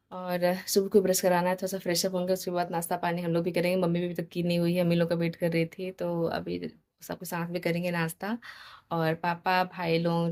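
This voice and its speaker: Low, flat-voiced woman vlogging. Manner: chatty, mixes English into Hindi. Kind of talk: casual family vlog.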